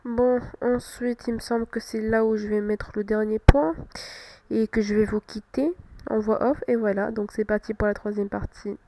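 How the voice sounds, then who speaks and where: Her voice fairly high and dark in tone, delivered flat at a normal speed, a young woman with a cold-clogged nose hosts a gaming channel. She chats casually over her gameplay, laughing a lot and frequently poking fun at herself.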